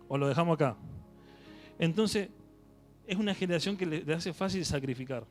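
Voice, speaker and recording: Rioplatense preacher quizzing his congregation. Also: fairly high pitch. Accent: Rioplatense Spanish. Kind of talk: sermon.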